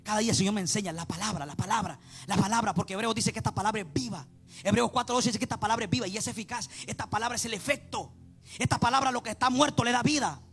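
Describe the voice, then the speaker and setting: Male preacher, very high and fast, gravelly edge, fervent sing-song sermon delivery, faint music behind. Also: a bit bright. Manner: impassioned, repeats "mi amado hermano", chants some lines.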